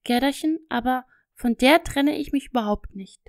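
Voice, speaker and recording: A woman voicing a lively, eager little girl in a storybook, talking in an excited, pleading way. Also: sits high, moderate pace, no echo, clean studio sound, voice pushed up.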